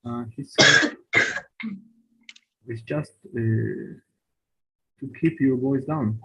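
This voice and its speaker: A man's voice: mid-range voice, very slow, vocal fry, bright, forceful tone, husky, low-quality recording. A man, a student hesitantly answering a grammar question with many fillers.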